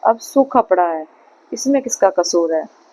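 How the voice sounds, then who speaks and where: A woman's voice: lowish voice, lively intonation, measured pace, mellow, rough recording. A woman doing a sly, coaxing old foster mother. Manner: coaxing and soothing.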